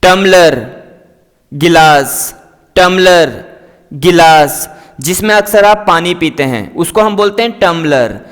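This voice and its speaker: Male English teacher, high voice, unhurried, patient word-by-word drill, echoey room. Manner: repeats each word and its meaning twice, patient and explanatory. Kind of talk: slow vocabulary drill lesson.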